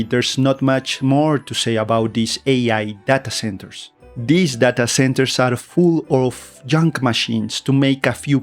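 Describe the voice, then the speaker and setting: Over soft background music, a man with a mid-range voice narrates a scripted opinion piece. He is a non-native English speaker and speaks deliberately, leaning on key words for emphasis. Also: mid-range voice. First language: not English. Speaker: video essay narrator, VTuber. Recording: faint music behind.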